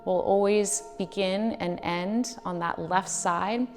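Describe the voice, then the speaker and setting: A woman in her thirties leads a guided meditation in a reverberant space with faint music behind her. Her pitch is mid-range, and she gives soothing, measured instructions with gently drawn-out phrases. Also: steady tone. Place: indoors, decorated studio room.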